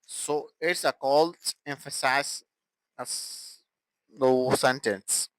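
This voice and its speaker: A young man teaching an English grammar lesson, explaining slowly and deliberately and repeating example sentences. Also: medium pitch, fairly even intonation, dry recording, rough recording.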